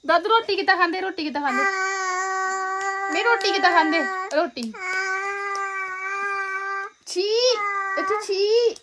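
A woman chatting casually in a home vlog, animated and repeating herself as she coaxes. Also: very high-pitched, moderate pace, pauses often. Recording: very noisy home phone recording.

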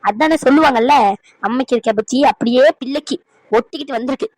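A woman's voice: high voice, quick pace, no echo, rough recording. A woman voicing a scornful old grandmother. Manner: scornful, sneering. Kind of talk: cartoon dub acting.

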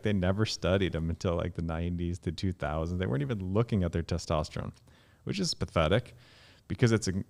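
Low-voiced man explaining eagerly. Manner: explanatory, animated, rising in pitch for emphasis. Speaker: guest scientist. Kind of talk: podcast conversation. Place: dark studio. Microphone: studio mic with headphones.

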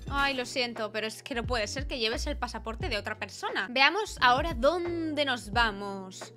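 A woman's voice: on the high side, animated, moderate pace, pushed and bright, soft background music. A young woman giving playful, chatty commentary while she plays a game, reading on-screen lines aloud as she goes. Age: young adult. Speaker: gaming youtuber. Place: small bedroom with purple light. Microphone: studio mic on arm, close.

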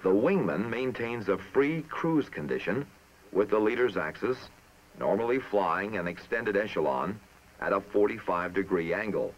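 On an old film soundtrack with the highs cut off, a man with an American accent and a lowish voice reads scripted military training narration. His delivery is formal, measured and authoritative.

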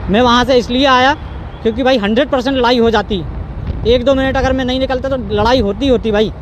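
A man vlogging about his motorbike outdoors on a city street, talking in a calm, placating way and repeating himself a lot. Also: very high-pitched, fast talker, rough recording. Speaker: motovlogger. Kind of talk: casual vlog talk. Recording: street traffic noise behind.

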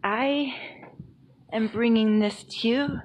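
A woman's voice: on the high side, slow pace, lo-fi sound, slight background noise. A woman in her late forties giving a chatty, rambling vlog tour of her horse barn and farm, laughing often and speaking into a phone at arm's length. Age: late 40s. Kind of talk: casual walk-and-talk vlog. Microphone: phone held at arm's length.

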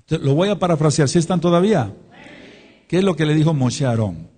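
A man's voice: fairly high pitch, sing-song, a little fast, dark tone, breathy edge. A man with a Mexican accent preaching a sermon as pastor, emphatic, often repeating words. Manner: emphatic, repeats words, voices imagined questioners.

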